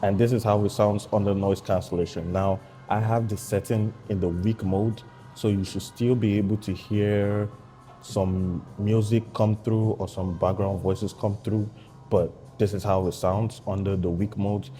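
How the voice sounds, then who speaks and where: A man with a low, mellow voice talks through a product test in a steady, explanatory way. His voice comes through a lapel mic's noise suppression, with thin processing artifacts. Faint music sits behind. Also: measured pace. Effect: noise-cancelled through a wireless mic, with processing artifacts. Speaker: product reviewer. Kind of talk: casual tech review walkthrough.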